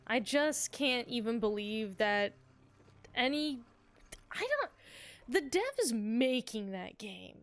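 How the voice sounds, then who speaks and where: Playful woman streamer with a highish voice. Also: big pitch swings, slow, pauses often. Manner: playful, chatty. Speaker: game streamer. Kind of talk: casual gameplay commentary.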